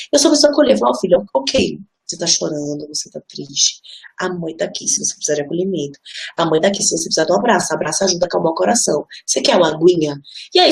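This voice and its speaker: A woman and mother giving a live online parenting class, explaining earnestly and conversationally and turning to the audience as she talks. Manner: earnest and explanatory, often addresses listeners as "gente"; drops into a soft, low, gentle voice when speaking as she would to her child.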